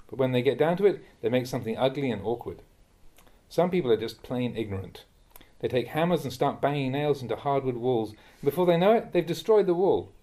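A man, a monk, reading a Dhamma talk aloud in a measured, admonishing way that rises sharply when he scolds. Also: medium pitch, mellow. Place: monastery.

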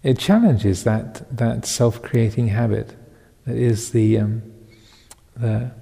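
A Buddhist monk in his fifties giving a Dhamma talk, reflective and halting, with many pauses and soft chuckles. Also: mid-range voice, fairly even intonation, creaky. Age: 50s. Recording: long hall reverb.

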